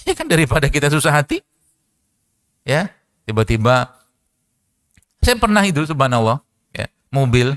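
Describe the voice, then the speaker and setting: Animated man telling stories in a lecture. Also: mid-range voice, moderate pace, long pauses. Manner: storytelling, animated, laughs often. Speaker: preacher and doctor. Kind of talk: casual religious lecture.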